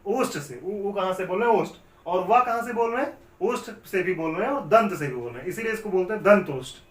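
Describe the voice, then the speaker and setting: A man with a high voice teaching grammar step by step. He keeps asking questions and then answering them himself. The sound is roomy and picked up from some distance off the mic. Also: animated, fast talker, fairly bright tone. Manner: repetitive, explains step by step. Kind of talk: classroom lecture at a board. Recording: echoey room, mic at a distance.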